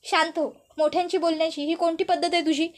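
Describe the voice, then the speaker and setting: A woman voicing a patient young daughter-in-law who pleads calmly without raising her voice. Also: extremely high pitch, fast. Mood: pleading.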